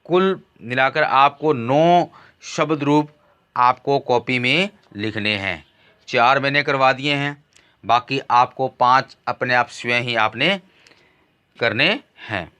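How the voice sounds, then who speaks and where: A man teaching a class, slowly reciting word forms one by one. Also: medium pitch, sharp tone, clear, resonant tone. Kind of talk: classroom lesson. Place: school classroom.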